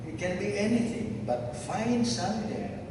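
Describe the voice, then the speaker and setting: A man in his seventies with a Filipino accent, a former teacher giving slow, reflective, fatherly advice to his old students at a reunion. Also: high-pitched. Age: 70s. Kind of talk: heartfelt speech to former students. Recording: echoey hall from far off, noisy.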